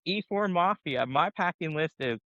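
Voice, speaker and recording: Casting: male army veteran storyteller, loud and bright, salty language, dry close sound. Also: fairly high pitch, moderate pace, no echo, highs cut off. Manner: laughing, profane, animated storyteller. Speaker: podcast guest, Army veteran. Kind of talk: casual storytelling.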